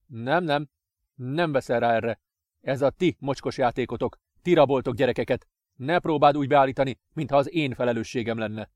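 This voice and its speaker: A man voicing a desperate father, loud, defiant and pleading. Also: on the high side, dry recording, studio quality, pitched above the performer's own voice, lightly acted. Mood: angry.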